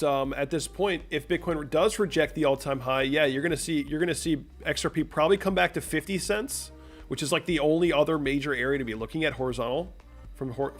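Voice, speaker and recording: Young man hosting a crypto livestream. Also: a little high. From United States. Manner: reads chat aloud and answers viewers. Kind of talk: casual livestream commentary.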